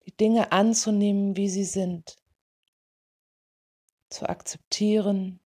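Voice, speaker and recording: A woman leading a guided meditation in a soothing, gentle way, in short unhurried phrases. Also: mid-range voice, flat delivery. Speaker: meditation guide for dog owners.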